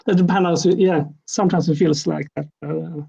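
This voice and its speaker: Gravelly, husky man on a dull call. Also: fairly high pitch, fairly even intonation, warm tone. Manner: halting, many restarts. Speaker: student. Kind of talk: class introduction chat.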